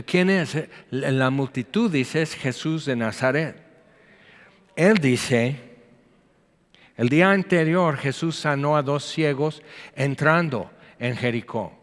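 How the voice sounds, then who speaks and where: A man's voice: medium pitch, slow pace. Man preaching in a reverberant hall. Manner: conversational preaching with asides and acted quotes. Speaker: pastor. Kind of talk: sermon.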